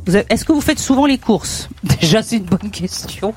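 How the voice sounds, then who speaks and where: Lively, playful woman hosting a radio game. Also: medium pitch, normal speed. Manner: playful, teasing, chatty. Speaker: radio game show host.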